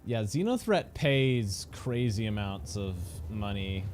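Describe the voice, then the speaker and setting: A man's voice: on the low side, sing-song, slow, darkish tone. A man streaming a game and chatting casually, rambling with lots of fillers and restarts. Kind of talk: casual gameplay chat. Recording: game engine noise behind voice.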